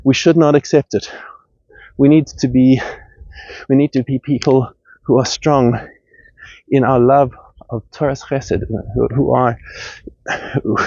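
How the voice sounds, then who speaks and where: A man's voice: medium pitch, fairly even intonation, a little slow, pauses often, dark tone, dry recording. A man delivering a heated, earnest monologue as podcast host, often restarting and repeating words as he gets worked up. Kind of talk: impassioned monologue. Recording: dull, lo-fi sound.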